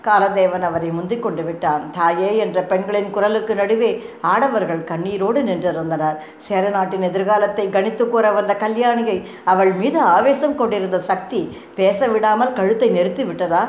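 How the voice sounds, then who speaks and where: A woman's voice: mid-range voice, normal speed, a little mellow. Woman narrating a storybook in an echoey room. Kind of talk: audiobook reading of a historical novel. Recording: echoey room, faint noise.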